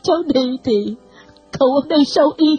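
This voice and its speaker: A woman's voice: high-pitched, normal speed, mellow, soft background music, pitched above the performer's own voice, close to an everyday voice. A woman voicing a frail, sorrowful old man who laments his fate. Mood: lamenting.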